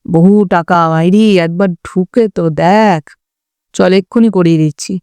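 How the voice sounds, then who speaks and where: A woman's voice: on the low side, normal speed, dark tone, clean tone, no room sound, lightly acted. A woman reading an audiobook, voicing a drunk, boastful young man who rambles and picks fights. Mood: rambling drunk. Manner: slurred, rambling, belligerent. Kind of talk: audiobook character voice.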